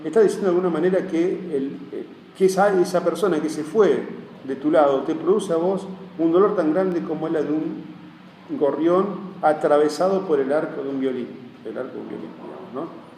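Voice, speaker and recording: A man's voice: a little high, moderate pace, dark tone. A man with a Rioplatense accent, giving a classroom lecture as a teacher. He rambles and keeps checking that his listeners are following. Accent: Rioplatense Spanish. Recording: echoey room, mic far off, faint hum.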